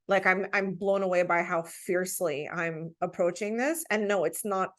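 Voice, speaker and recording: A woman's voice: lowish voice, normal speed. Earnest, emphatic woman telling personal stories. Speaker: podcast guest. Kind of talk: conversational personal storytelling.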